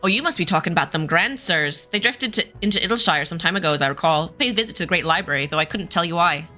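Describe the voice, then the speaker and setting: A gossipy game townsperson played by a woman, folksy and plain-spoken. The voice sits a little low and stays bright, over music. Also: animated, quick pace. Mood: gossipy, warning. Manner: folksy, informal.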